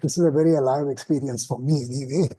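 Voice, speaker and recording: A man teaching an informal spoken lesson, relaxed and self-deprecating, often restarting his sentences. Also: medium pitch, fast, husky, no room sound. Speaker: meditation teacher.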